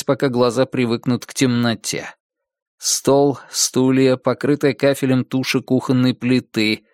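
A man reading a dark first-person story as an audiobook narrator, in a measured storytelling manner. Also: mid-range voice, no echo, studio quality.

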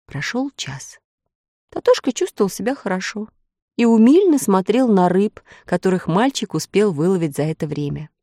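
A woman reading a children's story aloud, expressive and rising with excitement. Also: medium pitch, normal speed, no echo, studio quality. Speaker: narrator.

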